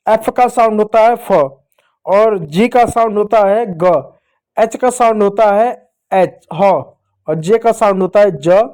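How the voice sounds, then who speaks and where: A man's voice: high-pitched, a little mellow, clear, resonant tone. A man teaching English phonics to children, patiently asking the class questions and answering them. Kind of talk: explaining to children.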